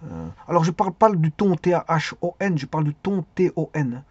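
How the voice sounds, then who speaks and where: Guy teaching a class, kinda high husky voice, lots of ums and restarts, dull lo-fi audio. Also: animated, normal speed, no room sound. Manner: hesitant, many fillers and restarts, repeats key words. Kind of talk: spoken lesson on speaking skills. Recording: dull lo-fi sound.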